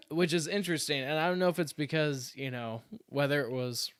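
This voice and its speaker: A man co-hosting a podcast, talking in a relaxed, chatty way with lots of fillers. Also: a little high, a little fast, clear, resonant tone, no echo, clean studio sound. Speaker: podcast co-host. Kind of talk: casual chat.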